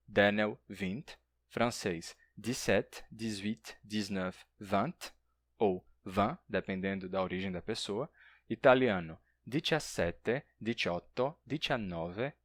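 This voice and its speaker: A man explains language topics in an educational video, slowing down to pronounce example words and listing numbers in a falling voice. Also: medium pitch, a bit bright, dry recording. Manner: explanatory, drawn-out slow example words, lists numbers in a dropping voice.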